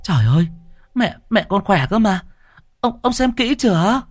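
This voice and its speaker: A man's voice: high voice, very animated, normal speed, no room sound, soft background music, pitched above the performer's own voice. A man voicing a distraught middle-aged village wife who stammers and pleads through tears. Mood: alarmed.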